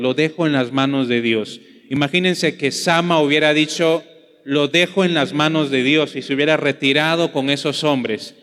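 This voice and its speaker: A man with a Mexican Spanish accent preaching a sermon to a congregation, earnest and unhurried, acting out the excuses people give. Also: medium pitch, a bit bright, long reverb tail. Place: church hall.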